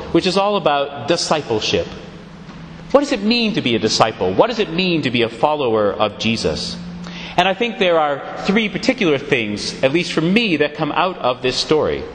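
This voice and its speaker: A man preaching a sermon in a church, retelling scripture in a measured, expressive way. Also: on the high side, a little hiss or hum. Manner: expressive, measured storytelling delivery. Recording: echoey church hall.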